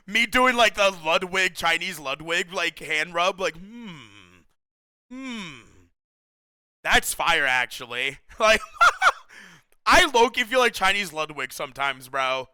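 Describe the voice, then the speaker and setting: A young man chatting casually with his stream viewers, excitable and slangy, saying "bro" a lot and laughing often. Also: high-pitched, measured pace, clear, resonant tone, dry recording.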